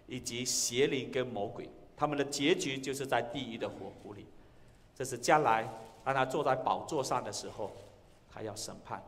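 A male pastor preaching a sermon, swinging between loud exclamations and hushed lines. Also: fairly high pitch, in a large hall. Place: church sanctuary.

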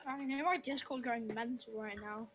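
A woman's voice: a little high, moderate pace. A woman chatting casually as a fellow player on a game stream, playful and teasing. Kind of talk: casual gaming chat. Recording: noisy with keyboard clicks.

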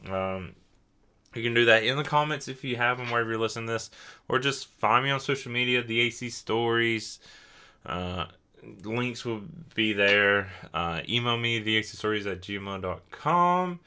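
Slightly tipsy, a young male podcast host chats in a loose, rambling, self-deprecating style. His medium-pitched voice moves at a normal speed with lively intonation and a bright, forceful, clear, resonant tone.

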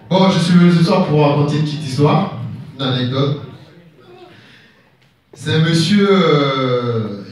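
A man doing stand-up comedy on stage, playfully teasing the audience as he tells a story. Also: mid-range voice. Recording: very echoey stage from far off.

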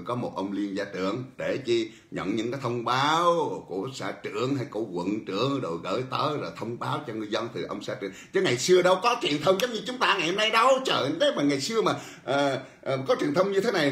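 Guy hosting a political talk show, chuckles a lot, echoey room. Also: mid-range voice. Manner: animated storytelling, chuckles often. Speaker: host. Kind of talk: political commentary monologue. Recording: roomy echo.

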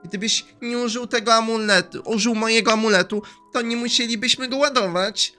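A man putting on a scheming young woman from a video game, her voice pushed high above his own. She talks in a pushy, mocking, coaxing way, and the voice has a bright, sharp edge. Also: brisk, faint music behind. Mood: accusing. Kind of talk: dubbing a game character.

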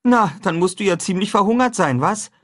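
Man putting on a chatty runaway boy, raised pitch, eager questions, slightly husky, storybook. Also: lively intonation, fairly quick. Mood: eager curious.

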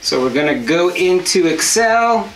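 This step-by-step craft tutorial comes from a thirties-aged male DIY co-host explaining a woodworking build indoors in his home workshop studio. He sounds high, animated and a bit bright, keeps a measured pace, and the sound carries a roomy echo.

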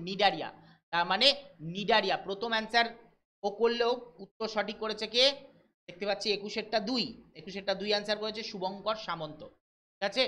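A man from West Bengal teaching a live online exam-prep class, reading English questions out slowly and explaining them briskly while checking in with his students. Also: sits high, pushed and bright. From West Bengal, India. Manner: brisk, keeps checking in with listeners.

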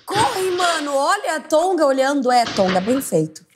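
A woman's voice: sits high, big pitch swings, normal speed. A young adult woman with a Brazilian accent chatting casually as a reaction show panelist, slangy and exclaiming. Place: indoor studio. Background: audio of clips being watched.

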